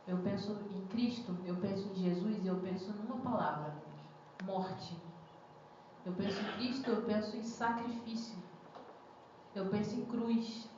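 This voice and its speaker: At a measured pace, a young woman with a medium-pitched, darkish voice delivers a chatty sermon full of questions for the congregation. Slight background noise accompanies the muffled, lo-fi sound of the echoey church hall.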